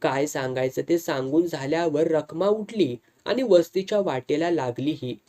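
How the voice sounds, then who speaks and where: Mellow-voiced storyteller narrating a tale. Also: medium pitch, moderate pace.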